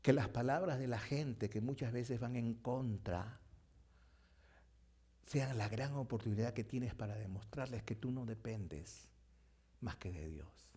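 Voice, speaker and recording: A man preaching a sermon as pastor, emphatic and repetitive, swinging from loud declarations to hushed phrases. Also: medium pitch, a little slow, breathy edge.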